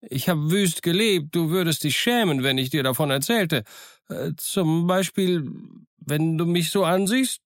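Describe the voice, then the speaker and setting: A man voicing a childlike, excitable old castaway sailor who has gone half mad alone, in an eager, wheedling, sing-song way. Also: on the high side, measured pace, dry recording, clean studio sound, pitched above the performer's own voice. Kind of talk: audiobook character voice.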